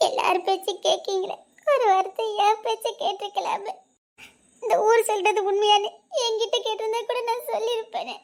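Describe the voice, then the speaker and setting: Woman acting as a hurt young wife, very high voice, tearful, bitter, accusing, audio drama. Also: normal speed, vocal fry, pauses often. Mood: wounded.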